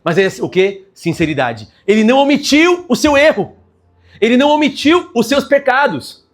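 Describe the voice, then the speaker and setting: High-voiced man preaching emphatically. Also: sing-song. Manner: emphatic preaching with many slow stressed phrases. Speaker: pastor. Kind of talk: sermon.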